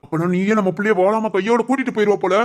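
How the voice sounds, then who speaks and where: A stern, bossy cartoon father who keeps scolding his wife and daughter, voiced by a woman. He talks quickly, at an even middle pitch for a woman, with a domineering, lecturing tone. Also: natural voice. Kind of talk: cartoon family drama voice acting.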